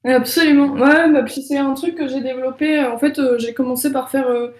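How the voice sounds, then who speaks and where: A young French illustrator and author chats casually in an interview, using many fillers and restarts. Her voice is high with a steady tone and a fairly quick pace, and the sound is roomy.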